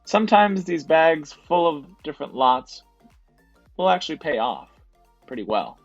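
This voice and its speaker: A man's voice: on the high side, big pitch swings, measured pace, no echo, muffled recording, faint music behind. A man narrating his thrift store trip as a voice-over for his reselling vlog, in a casual, explanatory way. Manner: casual, explanatory, repeats "to be honest".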